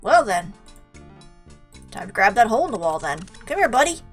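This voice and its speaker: This is casual let's play commentary from a woman whose fairly high voice swings widely in pitch at a moderate pace. She chats freely and talks back to the game playfully, with video game music in the background.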